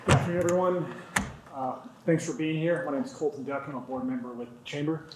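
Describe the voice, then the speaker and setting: A man's voice: fairly high pitch, steady tone. A man speaking at a podium microphone at a civic event, giving short formal remarks before leading the pledge. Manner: brief, formal, quick opening remarks. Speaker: chamber board member leading the pledge. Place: large indoor event hall. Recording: distant, echoey hall PA sound with loud noise.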